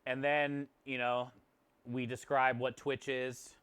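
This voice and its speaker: A man's voice: medium pitch, little pitch movement, slow pace, a bit bright, smooth, no room sound. A man chatting casually to livestream viewers as a chef and host, in a friendly, appreciative and conversational way. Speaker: food truck chef and streamer.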